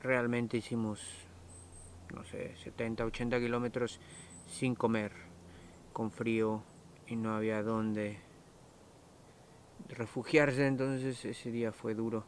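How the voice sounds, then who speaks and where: A man from Mexico, a touring cyclist, speaking with a Mexican accent, calm and reflective. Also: medium pitch, unhurried, long pauses, slight background noise. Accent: Mexican Spanish. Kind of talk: interview recollection.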